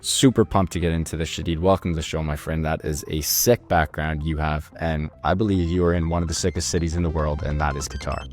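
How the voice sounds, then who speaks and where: A man hosting a podcast interview from Canada, talking in a hyped, slangy, energetic way. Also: a bass voice, fast, few pauses, soft background music. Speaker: podcast host.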